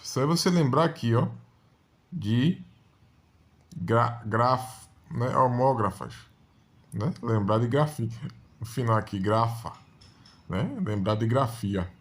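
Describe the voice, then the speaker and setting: Slow-talking male grammar teacher. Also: mid-range voice. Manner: explains slowly with frequent "né?" checks. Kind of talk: exam-prep grammar lesson.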